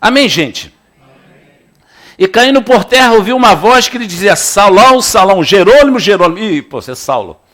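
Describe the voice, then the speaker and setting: A man's voice: high-pitched, moderate pace, pauses often. A man preaching a sermon in a church, playful and calling on the congregation to respond. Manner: lively, playful preaching with audience call-and-response. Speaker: pastor.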